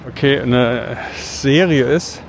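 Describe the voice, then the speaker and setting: Man, podcast co-host, medium pitch, informal chat on foot, faint urban noise. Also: slow pace, gravelly. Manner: talking while walking outdoors. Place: outdoors on a city street. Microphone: wireless transmitter mic.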